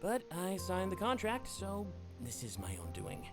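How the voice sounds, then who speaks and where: A man's voice: high-pitched, huge pitch swings, a little slow, a bit bright, exaggerated voice. An actor playing a busy, resigned but easygoing male writer in a video game. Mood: resigned, friendly. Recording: music playing behind the voice.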